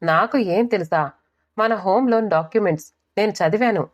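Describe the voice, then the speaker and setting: A woman voicing a determined young wife who answers calmly and firmly in an audiobook story. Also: medium pitch, normal speed, close to an everyday voice. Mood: resolute. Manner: calm, firm.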